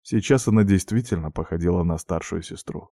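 A man reading a novel aloud as narrator with expressive storytelling. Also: sits low, brisk, no room sound, studio quality. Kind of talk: audiobook narration.

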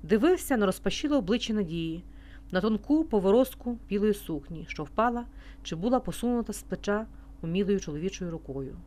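A woman narrating a novel as an audiobook reader in an even, expressive storytelling manner. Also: mid-range voice, brisk. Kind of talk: scripted narration.

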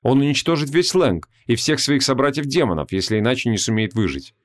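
Man narrating a fantasy audiobook. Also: mid-range voice. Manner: even, measured storytelling.

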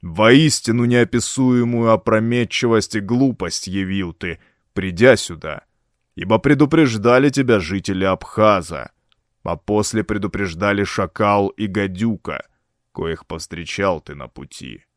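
Guy doing a giant grave worm king, deep slow solemn doom voice, dry sound. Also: dry recording, natural voice. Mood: solemn menacing. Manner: slow, solemn, dread-filled pronouncement. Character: huge grey grave-worm lord, solemn and menacing.

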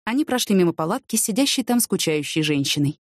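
A woman's voice: lowish voice, quick pace, dry recording. Woman narrating an audiobook, dry sound. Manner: steady, expressive storytelling. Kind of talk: scripted narration. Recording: dry studio reading.

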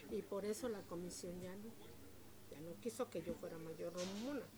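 A woman, telling stories in a lively, chatty and devout way during an interview. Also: on the low side, normal speed. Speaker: interviewee, local shop owner. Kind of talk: casual storytelling interview. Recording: street crowd noise behind.

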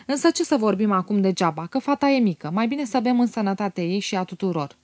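A woman reading a jovial, self-made older man who smooths over quarrels. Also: mid-range voice, animated, darkish tone, no room sound, studio quality, close to an everyday voice. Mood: genial. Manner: genial, placating.

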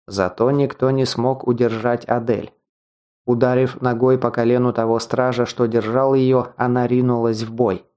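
A male audiobook narrator reading fantasy prose in a steady, measured way. His voice is mellow and darker in tone, pitched right in the middle for a man. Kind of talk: scripted narration.

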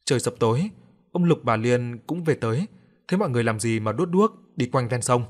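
A man narrating an audiobook in a steady, measured way. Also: mid-range voice. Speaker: storyteller.

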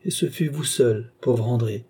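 A man's voice: mid-range voice, measured pace, dark tone, breathy edge. A man reading aloud, voicing a worried, tender young nobleman who pleads anxiously.

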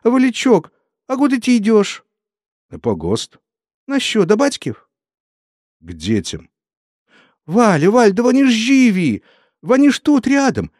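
A man voicing a tearful old village woman with a Ukrainian accent, lamenting in high cracking cries. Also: moderate pace, darkish tone, no echo, studio quality. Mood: wailing. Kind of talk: audiobook character voice.

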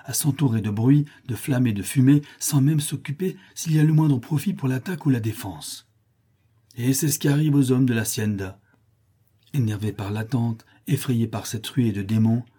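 A man's voice: mid-range voice, warm tone, breathy edge. A man reading an adventure novel aloud with vivid, emphatic delivery. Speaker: audiobook narrator.

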